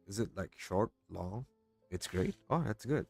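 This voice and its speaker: A man casually chatting while gaming, speaking softly and haltingly into a home mic. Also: on the low side, expressive, gravelly. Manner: soft-spoken, halting, hushed. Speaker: game streamer. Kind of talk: casual gameplay commentary. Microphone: newly set up home mic. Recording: home mic with game music behind.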